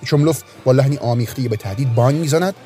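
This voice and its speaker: A man's voice: medium pitch, warm tone, soft background music. Man reading a story aloud. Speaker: story reader. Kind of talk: scripted narration.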